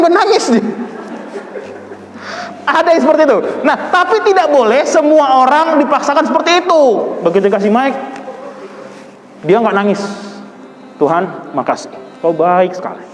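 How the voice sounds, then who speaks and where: High-voiced man preaching in an echoing hall. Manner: lively, conversational preaching with playful imitations. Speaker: pastor. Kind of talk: sermon. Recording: echoey hall, faint music.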